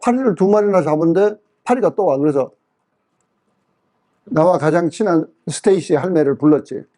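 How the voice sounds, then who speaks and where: Mellow-voiced man preaching with stories. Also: a little high, moderate pace. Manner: lively storytelling that acts out quoted speech. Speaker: pastor. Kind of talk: sermon with a personal story. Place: church revival meeting.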